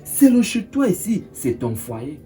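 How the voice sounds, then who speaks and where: An actor with a Cameroonian French accent playing a smooth-talking older man courting a young girl, with a wheedling, coaxing manner. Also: sits high, wildly swooping pitch, measured pace, warm tone, faint music behind, full character voice.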